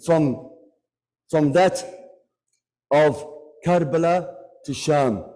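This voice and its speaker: A man delivers a mournful religious lecture, voice pitched a touch high yet mellow and dark in tone. He tells a sad story and lifts his pitch and force at its climaxes. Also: poor audio. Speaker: lecturer at a Muharram majlis.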